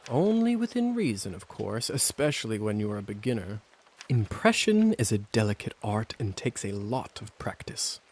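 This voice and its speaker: A man's voice: fairly low pitch, very animated, moderate pace, darkish tone. An actor playing an easygoing male vampire mentor in a video game, coaxing and conversational, casually reassuring. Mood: sly, coaxing. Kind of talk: scripted game dialogue.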